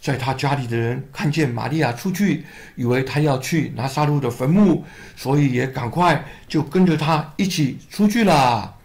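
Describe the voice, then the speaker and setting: A man narrating a Bible story for children in an animated, expressive way. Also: mid-range voice, normal speed, few pauses.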